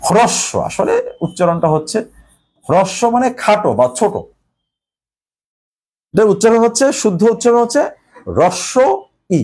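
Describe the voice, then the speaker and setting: A male teacher explaining a grammar lesson step by step, pausing often with hesitations. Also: high-pitched, a little mellow, breathy edge.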